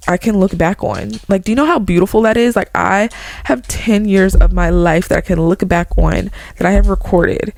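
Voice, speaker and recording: A woman's voice: lowish voice, vocal fry, no echo. A woman in her twenties chatting casually to her viewers as a vlogger, earnest and rambling, full of "like" and "okay". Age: 20s. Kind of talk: casual motivational chat.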